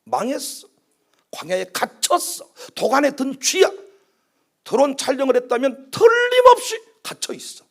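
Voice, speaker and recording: A male pastor with a Jeolla accent preaching a sermon at a prayer meeting, dramatic, with rhetorical questions and swings from hushed to loud. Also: very high voice, huge pitch swings, moderate pace, gravelly. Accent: Jeolla Korean.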